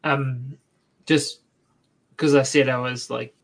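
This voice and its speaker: A man's voice: medium pitch, level tone, slow pace, gravelly. A man playing a tabletop game, talking casually in a hesitant, tentative way. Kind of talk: casual chat. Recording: background noise with clicking.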